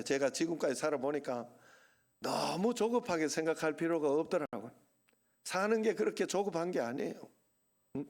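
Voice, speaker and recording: Middle-aged male pastor, Gyeongsang accent, slightly high voice, chatty sermon delivery with rhetorical questions. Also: a little mellow. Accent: Gyeongsang Korean. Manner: conversational preaching with rhetorical questions and asides. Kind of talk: Sunday sermon.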